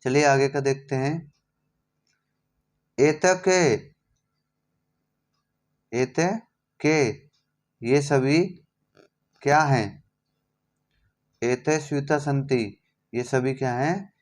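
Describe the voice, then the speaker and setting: Slow, patient male teacher. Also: mid-range voice, fairly even intonation. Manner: slow, patient, reads a word then explains it. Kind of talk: explaining a lesson.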